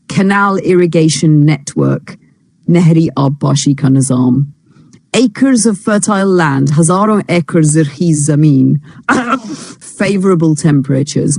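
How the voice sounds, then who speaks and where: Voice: medium pitch, gravelly, mellow, dry recording. An English teacher, reading a textbook lesson, giving each English phrase and then its meaning.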